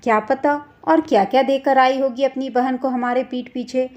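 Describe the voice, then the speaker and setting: A woman's voice: high voice, steady tone, moderate pace, darkish tone, natural voice. A woman voicing a scolding older mother-in-law who taunts and accuses in a storybook tale. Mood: taunting.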